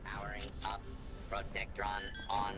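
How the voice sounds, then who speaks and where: An actor playing a calm, gentle male medical care robot in a video game, with a robotic filter and a flat, soothing delivery. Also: lowish voice. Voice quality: flat monotone, slow and soothing. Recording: game audio from afar under loud music.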